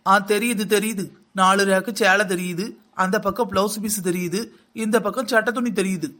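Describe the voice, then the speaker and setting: A performer voicing a grumbling young village daughter-in-law in a cartoon, with a southern Tamil Nadu accent and a deep, almost mannish voice. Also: fairly even intonation, brisk, fairly bright tone, close to an everyday voice. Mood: matter-of-fact. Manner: sarcastic, complaining. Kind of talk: village comedy cartoon dub.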